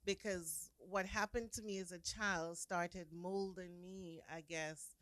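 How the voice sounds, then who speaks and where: Jamaican woman, interview guest, low-pitched, soft and earnest, dry sound. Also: fairly even intonation, slow pace, dry recording. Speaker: guest, author and preacher. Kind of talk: casual interview.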